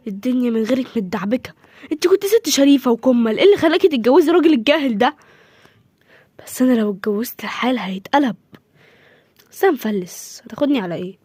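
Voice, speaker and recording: A woman's voice: fairly high pitch, mellow, no echo, clean studio sound, pitched below the performer's own voice. A woman voicing a mistreated young man who works as a household drudge, speaking in Egyptian Arabic with pleading, self-pitying muttering.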